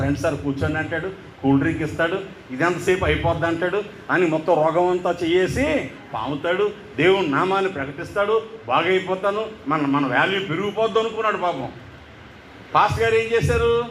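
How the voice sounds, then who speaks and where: A man preaches with a high, lively voice, telling a story and slipping into the voices of its characters. The sound is echoey, as in a large hall, with faint ambience behind him. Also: brisk, slight background noise. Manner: animated, acts out the characters' voices. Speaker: pastor. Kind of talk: storytelling sermon.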